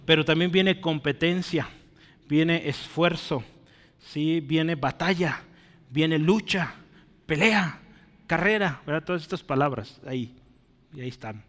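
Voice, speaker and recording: The long reverb of a church hall surrounds a man giving an earnest sermon, often questioning his congregation. He has a fairly high, fairly bright voice, speaks a little slowly and pauses often.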